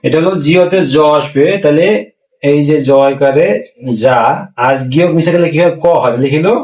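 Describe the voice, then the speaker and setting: Guy teaching a lesson, kinda high voice, asks questions n repeats stuff slow, echoey room, mic a bit far. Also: a little mellow. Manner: asks rhetorical questions and repeats words slowly for learners. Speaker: Korean language teacher. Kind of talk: classroom-style language lesson.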